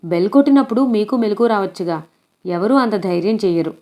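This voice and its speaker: Brisk young police inspector, read by a woman. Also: mid-range voice, animated, darkish tone, close to an everyday voice. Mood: questioning.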